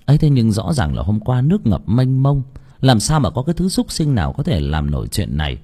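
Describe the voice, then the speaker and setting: A man narrating an audiobook story with a dramatic, expressive delivery. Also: medium pitch, brisk, husky.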